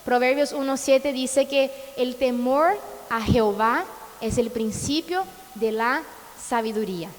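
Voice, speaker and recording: A woman's voice: sits high, measured pace, in a large hall, a little hiss or hum, poor audio. A woman pastor from Brazil preaching a sermon, passionate and full of rhetorical questions.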